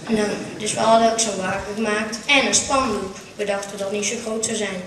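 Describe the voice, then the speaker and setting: A woman's voice: mid-range voice, fairly quick, a crowd in the background. Woman, Brabant Dutch accent, comic stage monologue, roomy hall, distant mic. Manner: storytelling with punchlines, lively. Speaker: carnival stage performer. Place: small theatre stage.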